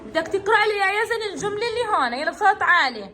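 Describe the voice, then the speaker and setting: A woman's voice: very high-pitched, lively intonation, racing, over music. A woman teacher, leading children in a reading game and praising them often. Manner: encouraging, praising, calls on children by name. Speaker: kindergarten teacher. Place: classroom with children.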